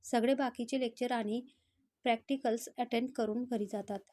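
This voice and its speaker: Woman storyteller, steady reading, slightly high and mellow. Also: normal speed. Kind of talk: scripted story narration.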